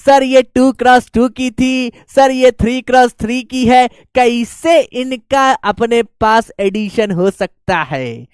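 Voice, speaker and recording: A male teacher voicing his cheeky students in slow, whiny mock protest. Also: extremely high pitch, clear, resonant tone, no echo, studio quality.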